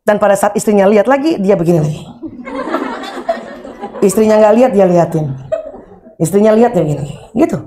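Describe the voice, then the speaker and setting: A middle-aged woman giving a religious lecture on parenting and marriage, animated and humorous, acting out everyday examples. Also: mid-range voice, brisk, long pauses, a crowd in the background.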